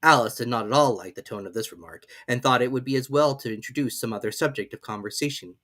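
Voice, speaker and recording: A woman's voice: rumbling low, quick pace, a bit bright. A woman narrating a storybook expressively as an audiobook reader.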